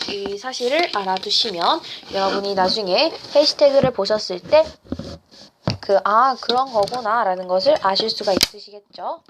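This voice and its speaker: A woman's voice: medium pitch, lively intonation, measured pace, background noise. A teenage girl tutoring in a casual online lesson, explaining step by step, repeating key phrases and asking the viewer questions. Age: teens. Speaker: student tutor.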